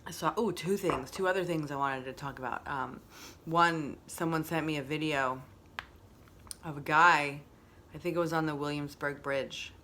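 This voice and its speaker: A woman's voice: low voice, moderate pace, bright, forceful tone, a little hiss or hum. A woman hosting a casual motivational monologue, reflective and repeating phrases for emphasis. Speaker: host.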